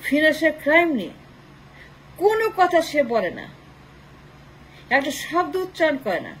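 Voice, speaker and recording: A woman from Bangladesh delivers an impassioned political commentary monologue, stacking long rhetorical lists of short phrases and sprinkling in English. Her high, sing-song voice moves at a moderate pace on a low-quality recording with slight background noise.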